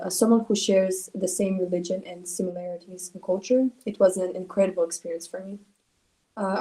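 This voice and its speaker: A woman's voice: medium pitch, dark tone, poor audio. Woman presenting on a video call. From Russia. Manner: earnest, with frequent "uh" pauses. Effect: on a video call, sharing her screen. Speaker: student presenting a school project. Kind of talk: online project presentation.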